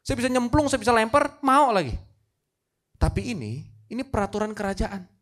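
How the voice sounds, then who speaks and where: A man's voice: sits high, fairly quick, a bit bright, voice pushed up. A man voicing a grieving old king who sentences his own son, shifting between pleading and stern. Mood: anguished.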